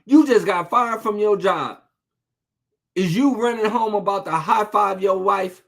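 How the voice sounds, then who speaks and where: High-voiced preacher guy, casual sermon, talks slow, lots of "how hard is that?" questions. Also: creaky, a bit bright. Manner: conversational, street-casual preaching with rhetorical questions; reads scripture slowly and deliberately. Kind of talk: informal sermon with scripture reading.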